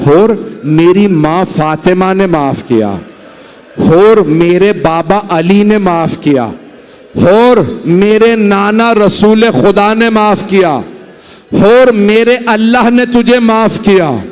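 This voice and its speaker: A man voicing a merciful holy leader who speaks softly and calmly. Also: high-pitched, slow pace. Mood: gentle. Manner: soft, calm, forgiving.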